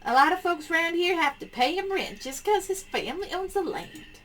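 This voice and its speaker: A woman's voice: extremely high pitch, animated, normal speed, a bit bright, slight background noise, pitched above the performer's own voice. A woman voicing a folksy, motherly country doctor in a game, calling people honey and dear. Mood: exasperated.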